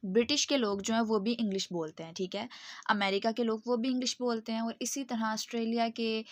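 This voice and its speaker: A woman gives a recorded online lecture. She explains patiently, checks in with her students often, and reads English passages slowly. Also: on the high side, fairly even intonation, dry recording, clean studio sound.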